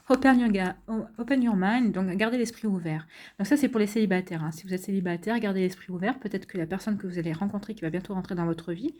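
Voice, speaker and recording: A middle-aged woman talks viewers through a card reading in a relaxed, chatty way. Her voice is mellow and warm, and she keeps reassuring them, with plenty of hesitations and restarts. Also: mid-range voice, fast talker. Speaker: tarot card reader.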